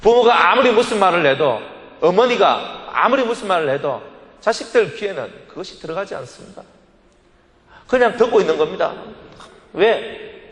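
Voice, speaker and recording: A male pastor preaching a sermon emphatically, asking rhetorical questions and answering them himself. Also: sits high. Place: church sanctuary. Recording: echoey church hall.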